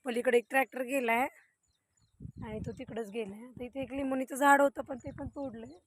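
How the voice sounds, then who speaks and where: Young woman, fairly high voice, casual outdoor phone vlog with faint wind behind her. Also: steady tone, brisk. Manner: chatty, talks straight to viewers while walking. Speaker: vlogger. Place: outdoors on a farm. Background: faint wind and outdoor noise.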